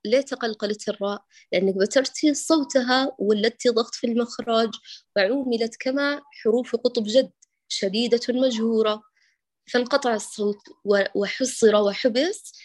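A woman teaching Quran recitation, patiently correcting a student, with affectionate words and sounds demonstrated slowly. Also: on the high side. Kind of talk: correcting recitation in an online lesson.

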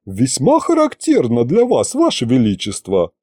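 A man voicing an eager, flattering male butler at a royal court in an audiobook. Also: on the high side, measured pace, no room sound, clean studio sound, pitched above the performer's own voice, heavily acted. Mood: fawning. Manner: fawning, flattering.

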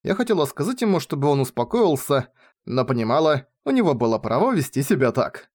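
A man narrates a first-person novel as an audiobook reader. His voice sits a little high and moves with lively, expressive intonation. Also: fairly quick.

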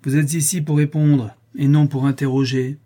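A man's voice: on the high side, level tone, moderate pace, mellow, voice pushed up, lightly acted. A man voicing a stern, commanding grand inquisitor who barks curt, imperious orders.

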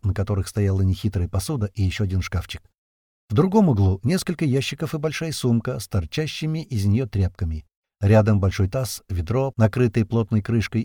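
A man narrating an audiobook in a steady, tense, vivid storytelling manner. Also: on the low side, brisk, slightly rough, no echo, studio quality.

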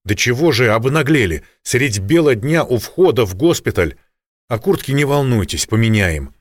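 A man's voice: medium pitch, big pitch swings, normal speed, no room sound, studio quality, pitched above the performer's own voice. A man voicing a worried, indignant chief doctor. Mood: anxious. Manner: anxious, indignant.

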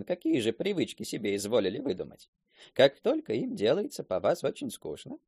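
An actor playing a talkative old village man in a radio play, in a husky, creaky voice that mimics others as he tells his tale. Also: mid-range voice, darkish tone, no room sound, studio quality, heavily acted. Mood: gossiping. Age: older. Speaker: storyteller character.

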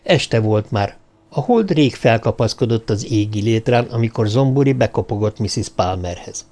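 A man reading a novel aloud as audiobook narrator, in a measured way. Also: lowish voice, animated, a little mellow. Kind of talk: scripted narration.

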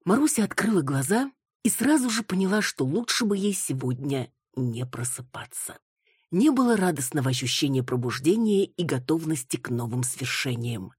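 A woman narrating an audiobook in an even, measured reading. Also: deep voice, husky, no echo, clean studio sound.

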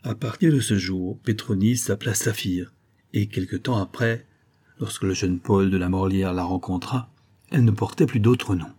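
A man reading a nineteenth-century novel aloud in measured scripted narration. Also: on the low side, mellow, slightly rough. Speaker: audiobook reader.

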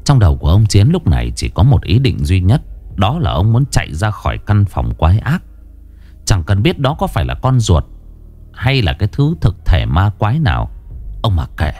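Deep, dramatic male horror narrator. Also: huge pitch swings, moderate pace, mellow, soft background music. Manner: dramatic, vivid storytelling.

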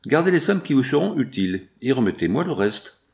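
A hurried, impatient engineer of a factory, brisk and commanding as he gives orders, read by a man in a storybook. The voice is gravelly and moves lively up and down. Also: mid-range voice.

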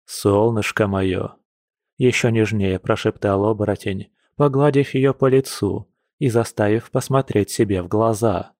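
Low mellow male audiobook narrator. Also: normal speed, no echo, clean studio sound. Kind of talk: scripted narration of a romance novel.

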